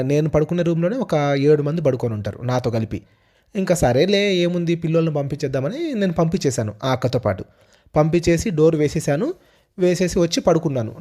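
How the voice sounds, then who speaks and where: A man's voice: a little high, dark tone. A young man narrating a personal ghost story in a casual, repetitive way with small restarts. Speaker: storyteller host.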